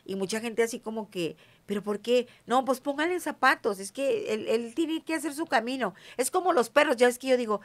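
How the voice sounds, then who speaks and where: On the high side and fairly quick, she barely pauses: a middle-aged, Mexican-accented interview guest who says she's a witch. She talks in a chatty, emphatic way through the casual conversation, often asking "¿sí me entiendes?"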